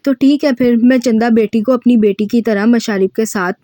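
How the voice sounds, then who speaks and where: A woman voicing a calm, measured older father figure in a novel reading. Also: fairly high pitch, no room sound, clean studio sound, natural voice.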